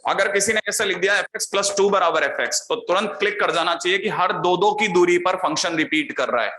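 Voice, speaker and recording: A male math teacher giving a classroom lecture, explaining step by step and often checking whether students follow. He draws out key terms slowly as he writes them. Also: high-pitched, bright, forceful tone. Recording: echoey room with faint background noise.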